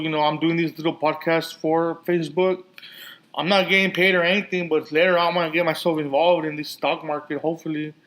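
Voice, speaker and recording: A man's voice: fairly high pitch, a bit bright, low-quality recording. A man hosting a casual solo podcast, talking with a lisp and a slight slur, rambling with many restarts and fillers. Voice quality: lisp and slurred speech. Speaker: podcast host.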